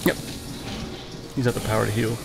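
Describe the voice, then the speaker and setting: A man co-hosting a casual let's play at a desk microphone, calmly explaining the game and swearing offhandedly. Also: lowish voice, fairly quick, vocal fry. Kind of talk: casual gameplay commentary. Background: game music.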